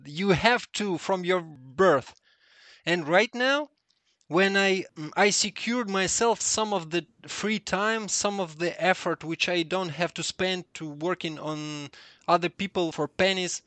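A Russian man with a fairly high voice and a close, dry sound. He talks casually but earnestly, with a Russian accent and emphatic, halting non-native phrasing, as a guest in a conversation. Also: fairly bright tone, dry recording. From southern Russia. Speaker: interview guest, 3D artist.

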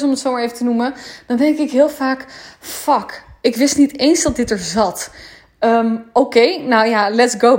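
A woman's voice: a little high, a little mellow. A woman coach talking casually in a monologue, frank and sometimes swearing, with English phrases dropped in.

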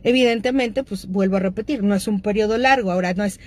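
A fast, slightly mellow voice of medium pitch belongs to a middle-aged host with a Mexican accent. She talks about addictions in a relaxed, direct way to her listeners, using frequent fillers.

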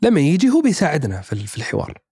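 A man's voice: fairly high pitch, wildly swooping pitch, rapid-fire, dark tone, husky, no room sound, clean studio sound. A man, chatting casually as a podcast guest, thinking aloud with many fillers and restarts. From Saudi Arabia. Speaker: podcast guest, actor and writer. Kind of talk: casual chat.

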